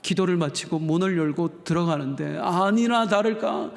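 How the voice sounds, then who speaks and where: Male pastor, emotive sermon storyteller who bursts into loud character voices; church sanctuary echo. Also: fairly high pitch, moderate pace, creaky, very noisy. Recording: long reverb of a church hall.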